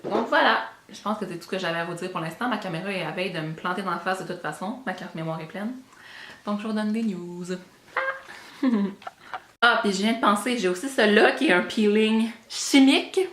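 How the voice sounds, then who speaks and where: A woman's voice: medium pitch, brisk, a bit bright, echoey room, slight background noise. A young woman with a Québécois French accent, chatting casually and rambling about her beauty buys, slipping in English words. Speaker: beauty vlogger. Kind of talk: casual chat.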